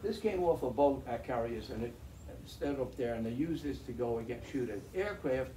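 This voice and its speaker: Picked up by a camera far back in the audience, the recording of this meeting-room slide talk sounds roomy, distant and faintly noisy. The speaker is an older man, a veteran pilot and guest speaker, telling stories wryly and chattily with restarts. His warm, mid-range voice has lively intonation at a moderate pace.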